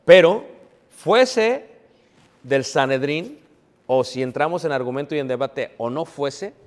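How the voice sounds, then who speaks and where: A man's voice: medium pitch, moderate pace, in a large hall. A man preaching a sermon in a church, asking his congregation questions, answering them himself, and calling them brothers.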